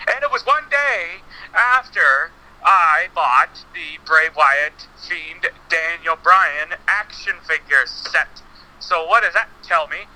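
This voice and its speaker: A man talking through a phone on speakerphone, chatting casually as a podcast guest, halting with many fillers. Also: fairly high pitch, bright, forceful tone, low-quality recording. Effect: heard over a phone on speakerphone. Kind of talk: casual chat about wrestling games.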